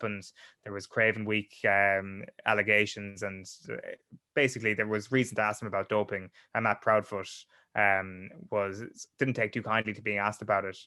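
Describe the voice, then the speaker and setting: A man's voice: fairly low pitch, a bit bright, dry recording, clean studio sound. A sports journalist, a young man, talking casually as a podcast guest, with many restarts and fillers.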